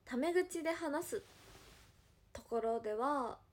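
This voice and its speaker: A woman's voice: high voice, expressive. A young woman from Hiroshima, speaking with a Hiroshima dialect, chatting casually and giggling as an idol on a livestream, answering viewer comments. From Hiroshima, Japan. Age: young adult. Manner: chatty, giggly, drawn-out musing.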